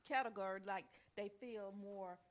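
Halting woman with a mid-range voice. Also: mid-range voice. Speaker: Bible study participant. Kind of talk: spontaneous group discussion comment.

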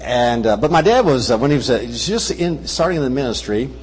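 Speaking fast and animatedly, an older preacher with a medium, darkish, slightly rough voice fills a large hall during a church service. Raised in Brazil yet Kentucky-accented, this guest missionary wears a wireless mic and mixes folksy sermon talk with humorous asides.

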